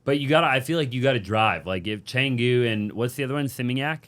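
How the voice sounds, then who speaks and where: A man's voice: medium pitch, a bit bright. A man hosting a podcast, asking casual questions with lots of "like" and "you know". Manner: quick, filler-heavy questions. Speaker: podcast host. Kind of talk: casual interview chat.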